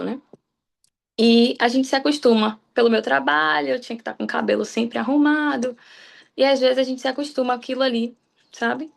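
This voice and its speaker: A woman's voice: fairly high pitch, vocal fry. A young woman from Salvador, Bahia, giving a personal devotional talk on a church livestream, speaking candidly and often restarting her sentences. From Salvador, Bahia, Brazil. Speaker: guest preacher on a church livestream.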